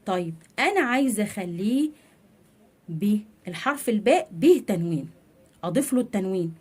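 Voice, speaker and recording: A woman with an Egyptian Arabic accent teaching a children's reading lesson, asking questions and answering them herself, stretching out sounds slowly. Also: mid-range voice, lively intonation, darkish tone, husky.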